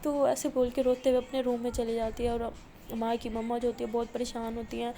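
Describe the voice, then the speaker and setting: Brief: casual woman storyteller, high and gravelly, easy flowing retelling. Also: level tone, warm tone. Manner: plain, flowing retelling with hesitant fillers. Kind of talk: casual spoken story narration.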